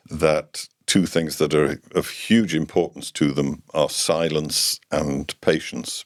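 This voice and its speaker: A man speaks as a guest expert with an extremely deep voice. He answers in a calm, matter-of-fact way. The sound is dry and close. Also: no room sound. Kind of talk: interview answer.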